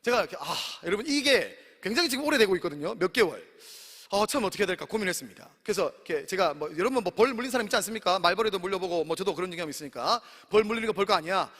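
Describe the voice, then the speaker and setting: A man in his thirties preaching a sermon, animated and speaking often to his congregation. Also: high voice, rapid-fire. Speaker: pastor. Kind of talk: sermon at a campus worship service. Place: large worship hall. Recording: long hall reverb.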